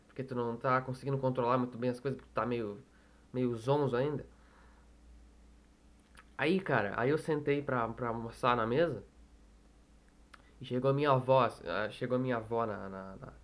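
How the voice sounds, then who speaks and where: A young man from Brazil telling a long casual story at home, rambling and cursing, often restarting his sentences. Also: medium pitch. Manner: rambling, profane, self-correcting. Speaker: storyteller vlogger. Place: room at home on a noisy street. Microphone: desktop microphone.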